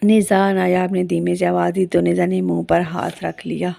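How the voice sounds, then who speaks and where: Woman storyteller, scripted narration, low gravelly flat voice. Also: normal speed.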